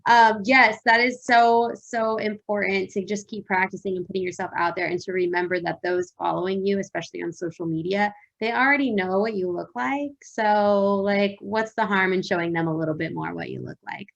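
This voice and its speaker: A woman hosts a panel casually, in a mid-pitched voice with plenty of creak. The audio is dull and lo-fi. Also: fairly quick, few pauses. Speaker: panel moderator.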